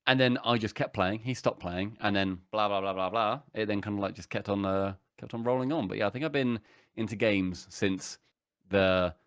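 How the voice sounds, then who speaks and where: A man's voice: fairly low pitch, moderate pace, clear, resonant tone, no room sound. Young British man, podcast guest, chatty rambler, dry recording. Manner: rambling, animated storytelling with many fillers. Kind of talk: casual podcast chat.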